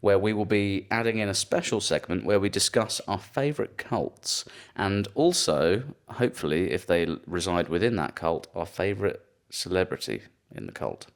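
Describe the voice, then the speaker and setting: A man's voice: sits low, moderate pace, few pauses. A young man co-hosting a casual podcast chat, rambling and self-deprecating. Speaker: podcast co-host.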